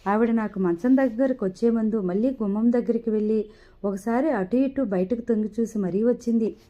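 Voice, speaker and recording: Casting: female storyteller reading a serialized novel, slightly high voice, lo-fi recording. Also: a little fast, warm tone. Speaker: audiobook narrator. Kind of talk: storytelling narration. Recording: dull lo-fi recording.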